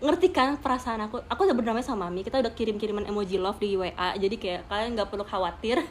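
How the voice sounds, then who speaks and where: A woman's voice: mid-range voice, very fast, a little hiss or hum. A young woman chatting casually on a livestream to her fans, laughing often and appealing to viewers with emphatic asides. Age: young adult. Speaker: idol streaming to fans.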